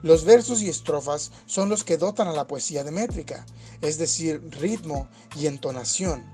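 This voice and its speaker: A man giving calm, scripted educational narration for a lesson video, explaining steadily. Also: on the high side, moderate pace, music in the background.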